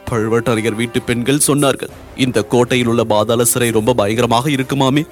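A man's voice: mid-range voice, steady tone, fairly quick, soft background music, close to an everyday voice. A man voicing a grieving young noblewoman who pleads through sobs. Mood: pleading. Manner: sobbing, imploring.

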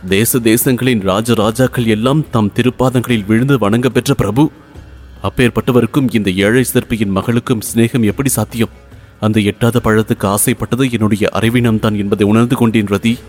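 A man reading aloud voices a proud, hurt young woman dancer, speaking in quick, reproachful bursts. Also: lowish voice, fairly even intonation, a little mellow, soft background music, lightly acted. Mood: indignant. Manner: quick, indignant, reproachful delivery.

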